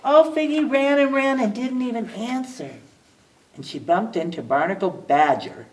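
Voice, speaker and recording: Librarian reading a storybook aloud. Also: female voice, fairly high pitch, normal speed, distant mic, poor audio. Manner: lively expressive read-aloud with small slips and self-corrections. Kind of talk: reading a picture book aloud.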